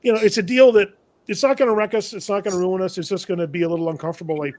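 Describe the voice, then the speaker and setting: Talkative male shop vendor, slightly high voice, rambling anecdote with wry chuckles. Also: fairly even intonation, rapid-fire, a little mellow, dry recording. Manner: rambling, self-correcting, chuckles at own misfortune. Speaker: shop owner and tool vendor. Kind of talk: casual storytelling on a live show.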